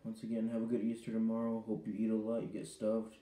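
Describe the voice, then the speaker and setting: Talking fast in a monotone, this teenage boy rambles hesitantly through a casual bedroom vlog, filling gaps with ums. His pitch is fairly low and mellow. He's recorded indoors in a small, echoey bedroom on a webcam or phone held at arm's length.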